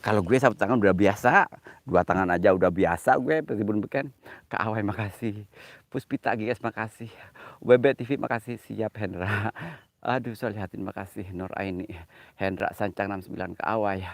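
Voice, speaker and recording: A man's voice: on the low side, fairly quick, vocal fry, no room sound. A man live-streaming outdoors in the rain, out of breath as he climbs a slippery slope, joking, flirting and thanking viewers by name.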